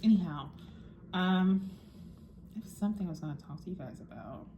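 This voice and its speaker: A woman's voice: lowish voice, expressive, fairly quick, dull audio, noisy background. A young woman chatting casually to her viewers, talking while she eats, frank and musing. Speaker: vlogger. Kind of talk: casual chat to camera.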